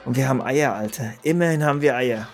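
A man's voice: medium pitch, fast talker, soft background music, lightly acted. An actor playing a crude, bitter young man from the streets who taunts and swears at his old friend.

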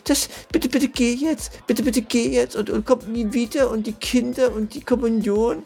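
A man's voice: fairly even intonation, normal speed, creaky, a little mellow, breathy edge, heavily acted. A man mimicking a tearful posh woman. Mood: mocking, whiny. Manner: whiny, pleading, falsetto mockery. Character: mocking imitation of a tearful upper-class woman.

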